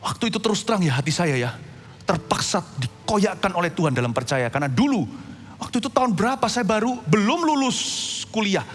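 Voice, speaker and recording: A male pastor preaching a sermon, telling stories in a lively, animated way and acting out voices. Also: sits high, fairly quick. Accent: Indonesian. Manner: animated storytelling preacher, acts out voices and shouts. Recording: long hall reverb with faint music.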